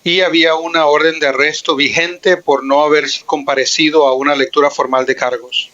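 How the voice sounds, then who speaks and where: A man working as a court interpreter, giving a live translation voice into the courtroom in a formal, even relay of each statement. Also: on the high side, quick pace, highs cut off.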